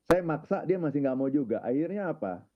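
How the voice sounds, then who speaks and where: A man calmly telling a personal story, ending phrases with filler tags, in an unhurried, reflective way. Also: fairly high pitch. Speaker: guest speaker on his own channel. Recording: narrow phone-like sound.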